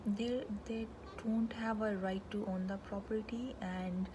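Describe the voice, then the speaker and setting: A woman born in Pakistan and raised in Canada explains human rights in an informal, conversational talk, walking through them one by one. Her medium-pitched voice holds a steady tone at a measured pace, with background noise behind her.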